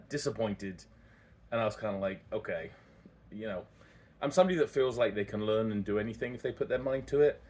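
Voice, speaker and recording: A man telling his own story casually as a vlogger, candid and rambling, often correcting himself as he goes. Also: lowish voice.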